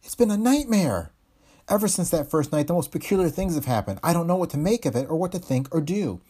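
A woman's voice: lowish voice, expressive, quick pace, mellow, husky, voice pushed up. A man voicing an anxious young wife who pours out her troubles urgently. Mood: distraught. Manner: urgent, overwrought pleading.

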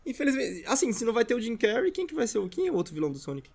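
A man's voice: extremely high pitch, very animated, very fast, creaky, darkish tone, husky. A man with a Brazilian accent in a casual chat, joking and using plenty of slang.

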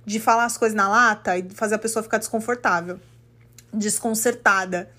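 A woman from Brazil hosting a podcast, telling a story in a casual, animated and indignant way and acting out the quotes. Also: medium pitch, a little fast. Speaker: podcast host. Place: living in the United States.

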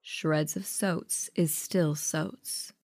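A man voicing a gaunt, otherworldly woman who speaks coldly and slowly. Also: on the high side, fairly even intonation, darkish tone, no room sound, studio quality, voice pushed up.

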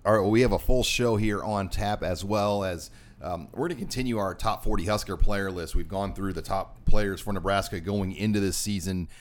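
A man's voice: on the low side, a little fast, slight background noise. An American man hosting a sports talk show, counting down a ranked list of players in conversation.

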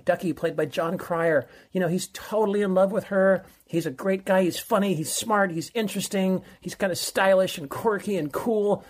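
Chatty joking guy cohost, kinda husky voice. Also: high-pitched. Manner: jokey, chatty, laughs often. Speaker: co-host. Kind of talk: casual chat.

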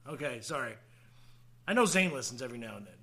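A man's voice: medium pitch, animated, fast talker, pushed and bright. A man hosting a podcast in casual comic banter, teasing and swearing freely. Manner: teasing, profane. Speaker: podcast host.

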